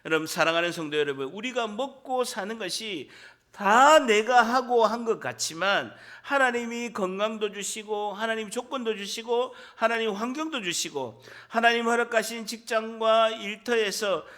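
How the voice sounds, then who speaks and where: A man's voice: high-pitched, moderate pace, bright, forceful tone. A Korean man preaching a Sunday sermon in church, repeating key words and quizzing his congregation. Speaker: pastor. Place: church sanctuary.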